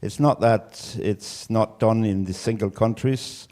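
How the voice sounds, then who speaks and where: A man's voice: lowish voice, takes it slowly, a little mellow. A man from Denmark, a farmer giving a conference presentation in a hesitant way, with many fillers and restarts. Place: conference room.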